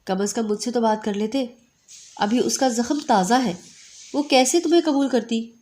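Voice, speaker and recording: A woman's voice: fairly high pitch, dark tone, lightly acted. A woman voicing a caring middle-aged mother who is soothing but stern.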